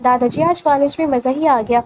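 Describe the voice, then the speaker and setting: Shy college girl voiced by a woman, soft, meek, high voice. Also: steady tone, natural voice, low-quality recording. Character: young female college student, shy and sensitive.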